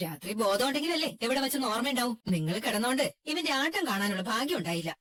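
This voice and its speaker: A sharp-tongued mother, voiced by a woman in a dubbed drama, full of sarcasm. Her voice sits somewhat high and she speaks briskly. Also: very animated. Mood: mocking. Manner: sarcastic, mocking. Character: sharp-tongued middle-aged mother, mocking.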